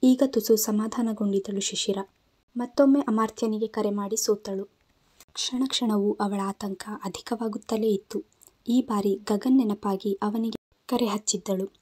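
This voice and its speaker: A woman narrating a romantic audio story in steady, expressive storytelling. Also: medium pitch, measured pace. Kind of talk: scripted narration.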